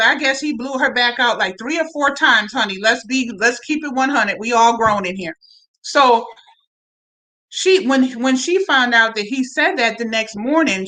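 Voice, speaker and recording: A woman with a high voice chats through a live stream in a loose, slangy way. She talks straight to her viewers and often repeats herself as she recaps. Her tone is bright and sharp. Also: low-quality recording. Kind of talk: casual reality-TV recap chat.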